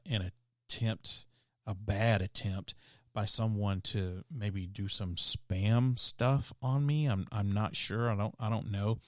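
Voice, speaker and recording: A man's voice: on the low side, darkish tone, no room sound, clean studio sound. A man hosting a podcast on his own, talking loosely and with strong opinions, full of fillers and restarts. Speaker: podcast host. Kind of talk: casual solo podcast monologue.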